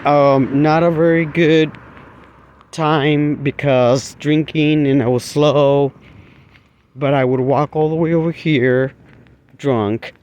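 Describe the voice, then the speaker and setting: Guy walking and talking outside, slow and rambly, lots of ums and restarts, cars going by. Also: mid-range voice, a little mellow, muffled recording. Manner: rambling, halting, with many fillers and restarts. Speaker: vlogger. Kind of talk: walking vlog, casual rambling talk. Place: outdoors, walking along a street.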